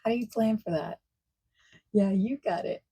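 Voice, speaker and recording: In a gentle ASMR roleplay, a woman with a husky, mid-range voice plays a friendly, accommodating party planner, now and then nearly whispering. She's chatty and friendly, reassuring in a casual way, and pauses for replies we don't hear. Keyboard typing and clicking come through over faint noise.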